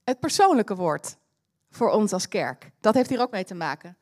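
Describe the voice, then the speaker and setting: A woman's voice: mid-range voice, big pitch swings, normal speed, a little mellow. A woman preacher giving a personal testimony sermon in a chatty storytelling way, slipping English phrases in among her words. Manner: chatty, laughing asides.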